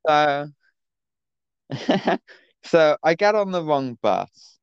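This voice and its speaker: Over an online call, a teenage podcast co-host chats casually and spins a meandering anecdote thick with fillers. He speaks a little slowly in a slightly high, sing-song, clean voice, captured in a dry, lo-fi recording.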